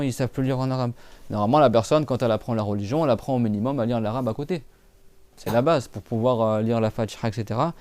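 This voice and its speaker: Guy teaching recitation, smooth clear voice, dead dry sound, chatty with lots of fillers. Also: mid-range voice, dark tone, no echo. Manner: patient, repeats and drills sounds; casual spoken French with many fillers. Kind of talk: live class explanation.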